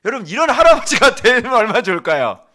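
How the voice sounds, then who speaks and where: Animated, bright-voiced male pastor. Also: very high-pitched, quick pace. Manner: animated, exclamatory, questions to the congregation. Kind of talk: sermon.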